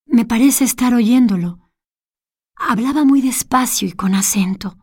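A woman's voice: on the high side, a little slow, darkish tone, slightly rough, dry recording, clean studio sound. A woman doing a fretful, flustered lady. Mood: recalling. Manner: fretful, repeating herself. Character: flustered middle-aged lady, remorseful. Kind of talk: storybook reading.

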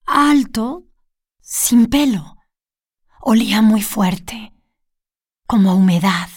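A fretful, remorseful lady, as a woman reader puts her on, repeating herself in a higher, anxious storybook voice. The delivery is slow and mellow, heard close and dry with no room around it. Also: animated, breathy edge, dry recording, full character voice. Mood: recalling. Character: flustered middle-aged lady, remorseful. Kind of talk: storybook reading.

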